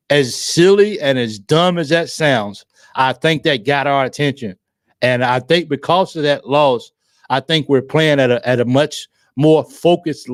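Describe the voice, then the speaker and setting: A man's voice: medium pitch, no room sound, studio quality. A man hosting a sports livestream, talking emotionally and effusively, repeating himself and restarting his phrases. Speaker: livestream sports show host. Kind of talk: excited casual fan commentary.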